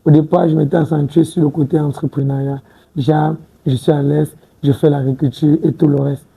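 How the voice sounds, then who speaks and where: A young man in his twenties, talking in a relaxed, halting way as a studio interview guest. His voice is gravelly and a little raspy, pitched slightly high yet very dark and mellow in tone. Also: rough recording. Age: 20s. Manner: hesitant, repeats words and restarts, says "tu vois un peu". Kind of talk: casual interview talk. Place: TV studio set.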